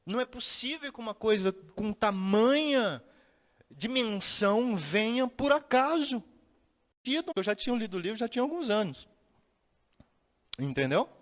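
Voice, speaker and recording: A man's voice: high-pitched, lively intonation. Heartfelt man lecturing in a reverberant hall. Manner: dramatic, heartfelt telling with pauses and sudden rises. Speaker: spiritist lecturer. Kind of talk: emotional storytelling lecture.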